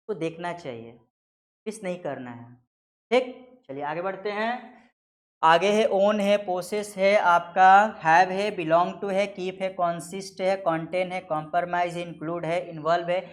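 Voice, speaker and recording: A man giving a grammar lesson, explaining slowly, repeating key words and reading out example sentences word by word. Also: high-pitched. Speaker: grammar teacher. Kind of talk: classroom lecture.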